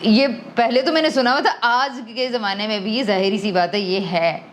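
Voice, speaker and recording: A woman's voice: a little high, fairly even intonation, a little hiss or hum. A woman guest on a podcast, explaining things conversationally and thoughtfully, slipping English terms into her speech and often restarting sentences. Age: adult parent. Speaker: podcast guest on emotional wellbeing.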